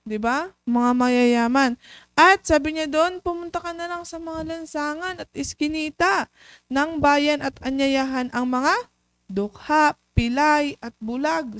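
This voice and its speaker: A woman with a high voice tells a Bible story to children, slowly and patiently, pausing to ask questions. She often stops on fillers. The sound is dry and close. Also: a bit bright, clear, resonant tone, dry recording. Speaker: children's devotion teacher. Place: church.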